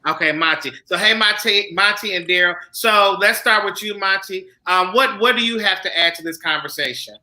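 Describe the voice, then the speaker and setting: A man with a high, very bright voice hosts a casual panel discussion. He talks in an animated way, restarting his sentences as he works his thoughts out. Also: moderate pace, few pauses. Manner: animated, thinks aloud with restarts. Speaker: show host.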